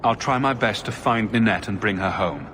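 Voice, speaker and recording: A man's voice: fairly low pitch, moderate pace, fairly bright tone, in a large hall, a little hiss or hum, lightly acted. A man playing a blunt, sardonic adventurer hero in a video game, dry and probing in his questions. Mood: concerned, probing. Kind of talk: dramatic video game dialogue.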